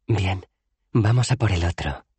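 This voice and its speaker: A man voicing a kind, loyal young girl in an audiobook, speaking gently. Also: deep voice, lively intonation, measured pace, husky, no echo, pitched above the performer's own voice, heavily acted. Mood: gentle. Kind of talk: audiobook character voice.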